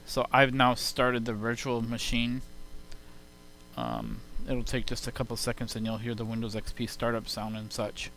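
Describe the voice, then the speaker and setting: An animated man with a medium-pitched, fairly bright voice gives an informal software demo at normal speed, explaining each step. The low-quality audio was captured through a hissy home computer sound card.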